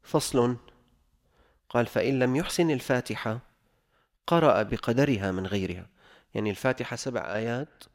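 Gravelly man teaching religious law. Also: medium pitch. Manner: reads the text, then explains it in colloquial speech; repeats examples slowly for emphasis. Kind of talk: explaining a jurisprudence text.

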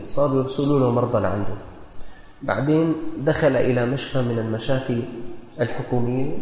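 Preaching in a Damascene Syrian Arabic accent, this man has a mid-range, slightly mellow voice. His sermon weaves in stories, delivered earnestly and folksily as he urges on his listeners, and the long reverb of an echoey hall surrounds him.

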